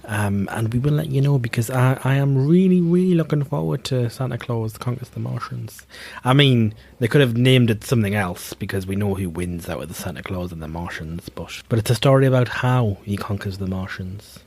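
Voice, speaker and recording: A man's voice: mid-range voice, brisk, creaky, few pauses, darkish tone. A man co-hosting a podcast in casual chat, rambling and jokey with lots of fillers. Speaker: podcast co-host.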